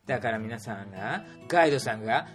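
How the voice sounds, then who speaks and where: Playful storyteller with lively pitch. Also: fast, over music. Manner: playful, punning, adds sound effects. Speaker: tour organizer recounting a trip. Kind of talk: casual spoken trip recap.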